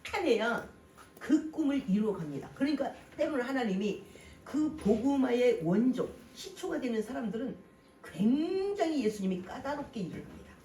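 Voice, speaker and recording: An animated pastor preaching to a congregation, voice rising and dropping in lively swings of pitch and loudness. The sermon is picked up from some distance, so the hall rings around the voice. A faint wash of room ambience sits underneath. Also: normal speed, a little hiss or hum. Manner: animated, rhetorical questions, swings between loud and soft. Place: church sanctuary.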